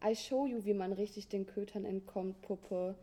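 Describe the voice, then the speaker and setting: A woman's voice: mid-range voice, steady tone, normal speed, warm tone, natural voice. A woman voicing a rude, arrogant fox who insults in street slang. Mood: mocking.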